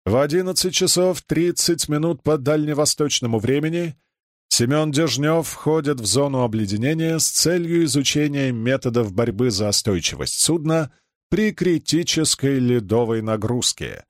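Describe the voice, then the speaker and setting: A man's voice: medium pitch, lively intonation, normal speed, no room sound, studio quality, close to an everyday voice. A man voicing a blustering, mocking ship's chief. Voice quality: boisterous, mocking, theatrical. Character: brash, scheming older male ship's chief, blustering. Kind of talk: audiobook character reading.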